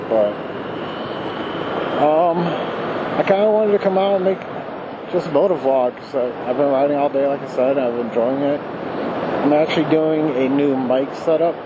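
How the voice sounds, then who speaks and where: A man rambles casually from inside a motorcycle helmet, with very loud ride noise all around him. His voice sits at a medium pitch. He talks loosely to his viewers, often rewording himself as he goes. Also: muffled recording. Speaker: motorcycle vlogger. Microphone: wired mic in helmet to voice recorder.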